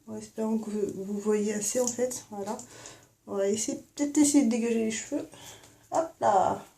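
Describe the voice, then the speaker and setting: Young woman doing a chatty makeup video in her bathroom, mellow tone, says en fait a lot, headset mic on her phone. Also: a little high, normal speed, gravelly. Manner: chatty, many fillers and "en fait". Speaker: beauty vlogger. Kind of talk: casual hair and makeup tutorial.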